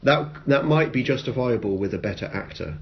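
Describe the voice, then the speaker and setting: A man's voice: medium pitch, animated, fairly quick, crowd noise. Sarcastic man on a lo-fi phone recording. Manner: sweary, sarcastic, jokey. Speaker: podcast co-host. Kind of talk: casual banter. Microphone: iPhone.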